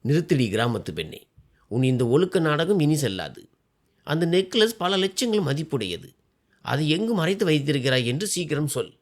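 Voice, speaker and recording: A domineering older mother-in-law from a storybook drama, accusing and bossy, as read aloud by a man. The lines swing lively up and down in pitch. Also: normal speed. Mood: scolding. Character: harsh scheming mother-in-law, older woman.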